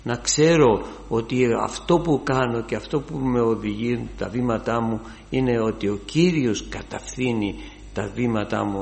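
An older man preaching a sermon, fervent, his voice rising to loud exclamations. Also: mid-range voice, vocal fry.

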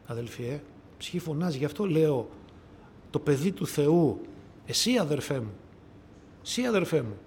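High-voiced Greek preacher, rising and falling. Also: male voice. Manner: rhetorical questions to the congregation; repeats phrases for emphasis. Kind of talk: sermon.

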